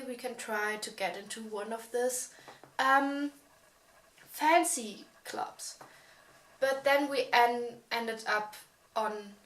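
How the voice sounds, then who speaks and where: A young woman of eighteen shares a personal story in a gossipy, chatty vlog style. Her voice sits fairly high and she takes her time, dropping in emphatic asides. The room adds a noticeable echo. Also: fairly bright tone. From Germany. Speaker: vlogger. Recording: roomy echo.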